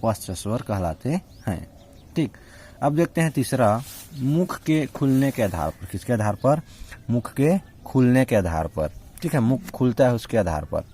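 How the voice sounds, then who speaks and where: A man teaching a grammar lesson. He asks the class questions, answers them himself, checks in with "okay" again and again, and draws out the example vowel sounds slowly. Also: mid-range voice, sing-song, dark tone, a little hiss or hum. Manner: repeats "ठीक है" as a constant check-in. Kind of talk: spoken Hindi grammar lesson.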